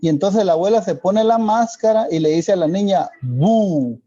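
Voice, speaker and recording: A male teacher with a Guatemalan Spanish accent, explaining a lesson slowly and checking in with rhetorical questions. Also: sits high, warm tone, dull audio. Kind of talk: classroom lesson for video.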